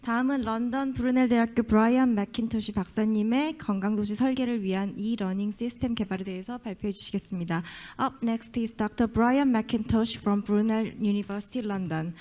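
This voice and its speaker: A woman's voice: a little high, very fast, mellow. A woman making formal announcements as a seminar moderator. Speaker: bilingual seminar moderator or interpreter.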